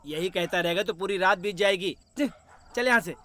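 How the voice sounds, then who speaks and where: A man's voice: high-pitched, moderate pace, bright, forceful tone. An actor playing a brash young man who teases and scolds his best friend in a dubbed action film. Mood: teasing. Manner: brash, teasing.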